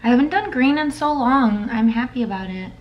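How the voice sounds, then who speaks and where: Raspy woman chatting through a tutorial. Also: on the high side, lively intonation, fairly quick, highs cut off. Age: 30s. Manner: rambling, chatty, narrating as she works. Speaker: makeup vlogger. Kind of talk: casual chatty makeup tutorial.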